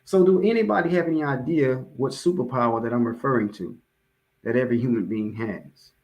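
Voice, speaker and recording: A lo-fi recording of an American male preacher with a medium-pitched, slightly mellow voice, speaking briskly. His public address is informal and motivational, and he talks conversationally with listeners while emphatically repeating key phrases.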